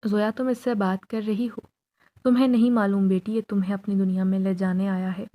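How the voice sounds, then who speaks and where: A woman's voice: medium pitch, flat delivery, dark tone, close to an everyday voice. A woman voicing a fearful, protective mother in a spoken horror story. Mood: urgent.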